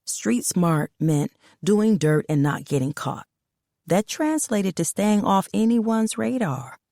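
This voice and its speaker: Woman reading a story, steady and plain, dry close sound. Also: mid-range voice, slow, dry recording. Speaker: audiobook narrator. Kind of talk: scripted story narration.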